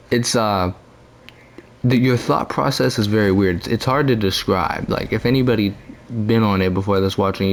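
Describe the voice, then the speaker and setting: A young man telling a story casually into his own mic, rambling with lots of fillers, slang and profanity. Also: lowish voice. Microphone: own desk mic.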